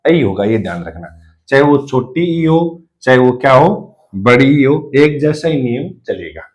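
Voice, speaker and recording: A man's voice: medium pitch, expressive, moderate pace, poor audio. A man teaching a spelling lesson at a board, who asks his class questions and answers them himself while he writes.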